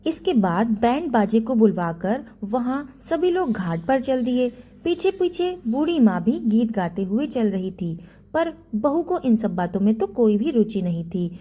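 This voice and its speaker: A woman narrating a devotional folk tale with expressive storytelling. Her voice sits a little high, and her tone is warm and mellow. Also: a little slow.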